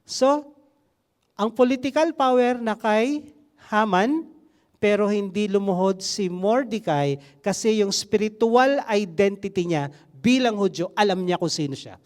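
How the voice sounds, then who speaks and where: High-voiced preacher telling a story. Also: male voice, a little slow. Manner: animated storyteller, asks the congregation rhetorical questions; switches between Tagalog and English scripture reading. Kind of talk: sermon.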